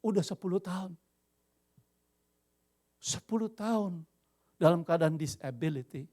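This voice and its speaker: An older man from Indonesia preaching a lively sermon as pastor, dropping English phrases into his talk. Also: high-pitched, measured pace.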